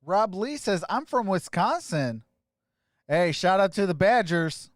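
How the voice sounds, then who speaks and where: A man hosting a sports live stream, casually greeting viewers by name and giving shout-outs as he reads their comments. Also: high voice, very animated, measured pace, no echo, clean studio sound.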